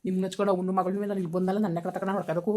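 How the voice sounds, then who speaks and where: A woman acting a quarrelsome rural woman in a family feud, scolding and cursing in a rapid-fire stream. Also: fairly low pitch, flat delivery, dark tone, close to an everyday voice. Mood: quarrelling. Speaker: actor in a village family skit. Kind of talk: amateur comedy skit acting.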